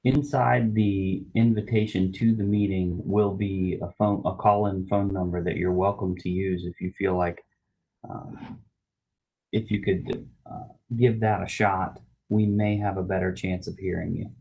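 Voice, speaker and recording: Gravelly man on a conference call. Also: low-pitched, unhurried. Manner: calm, helpful instructions. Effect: heard over a web conference call. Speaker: IT support staff. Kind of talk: remote meeting call. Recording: dull lo-fi conference call audio.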